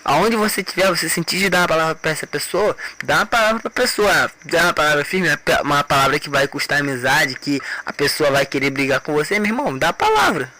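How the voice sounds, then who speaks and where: High, bright-voiced preacher. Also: male voice, animated, fast talker, few pauses, a little hiss or hum, poor audio. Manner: colloquial, repeats and restarts words, emphatic. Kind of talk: informal sermon, retelling scripture.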